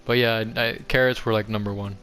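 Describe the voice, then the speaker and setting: With background music running, this young gaming host talks quickly in a fairly low, slightly bright voice that holds a steady tone. His game tour commentary is offhand and rambling, full of self-deprecation.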